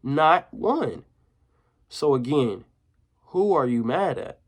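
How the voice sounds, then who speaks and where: A man putting on a sharp, confident young girl, blunt and teasing, raised a little in pitch, voice jumping around as she scolds and jokes, storybook read-aloud. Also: expressive, takes it slowly. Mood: pressing.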